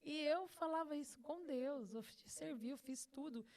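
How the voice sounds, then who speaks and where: A woman's voice: high voice, normal speed, darkish tone. A middle-aged woman host sharing an emotional personal testimony, earnest and repeating phrases for emphasis. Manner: acts out her own past words to God.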